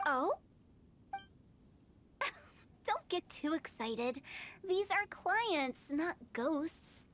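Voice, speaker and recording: Hu Tao, mischievous and morbid. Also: female voice, extremely high pitch, big pitch swings, very slow, fairly bright tone, slight background noise, exaggerated voice. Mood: amused. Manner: teasing, playful, breezy salesmanship about death. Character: young female funeral parlor director, mischievous and morbid. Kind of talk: game cutscene voice acting.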